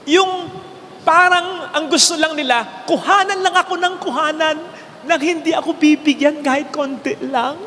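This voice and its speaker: A man with a Filipino accent giving a homily as a priest, telling a story with lively swings between raised exclaims and low, hushed lines. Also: normal speed, slight background noise. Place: large church. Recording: long church reverb with faint ambience.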